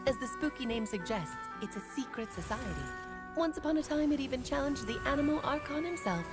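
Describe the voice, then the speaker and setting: A woman's voice: high voice, animated, brisk, music in the background. An actress playing a playful, worldly mage mother in a video game, with a theatrical storytelling manner.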